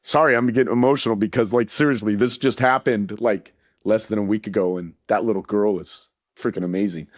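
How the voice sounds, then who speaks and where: A man's voice: fairly low pitch, fairly even intonation, brisk. A man in his fifties, a podcast guest talking in a casual interview, earnest and heartfelt, often repeating words as he restarts a thought. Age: 50s.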